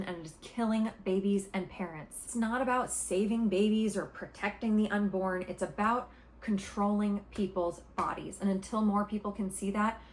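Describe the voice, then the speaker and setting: A woman vlogger talking straight to her viewers, making an argument with emphatic repetition and passion. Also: mid-range voice. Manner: passionate, emphatic, repeats points for stress. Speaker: political commentary vlogger. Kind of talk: opinionated direct-to-camera commentary.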